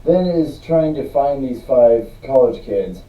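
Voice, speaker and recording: A man co-hosting a casual movie review chat, relaxed, retelling scenes and laughing along. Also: mid-range voice, slow pace. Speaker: podcast co-host. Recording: roomy, distant mic, dull sound.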